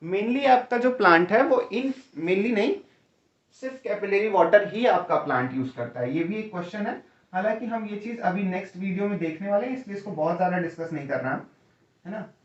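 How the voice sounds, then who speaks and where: A man's voice: sits high, lively intonation, fairly quick. A man lecturing students for an exam, explaining one step at a time and casually checking in with them. His voice sounds far from the mic in an echoey room. The recording is a little dull and lo-fi. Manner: explains step by step, keeps asking "है ना?" and "ठीक है?"; calls students "भैया". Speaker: teacher. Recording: roomy, distant, dull lo-fi sound.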